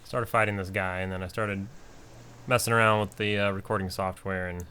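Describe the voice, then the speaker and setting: A man's voice: deep voice, little pitch movement, a little fast, pushed and bright, a little hiss or hum. A man giving casual, rambling commentary over his own gameplay, with many fillers and restarts. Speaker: gaming channel host.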